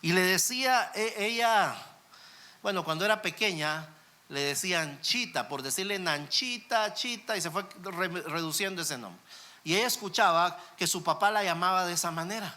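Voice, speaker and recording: A man's voice: high-pitched, normal speed, pushed and bright. A male pastor preaching a sermon in a conversational way, speaking straight to listeners and asking rhetorical questions.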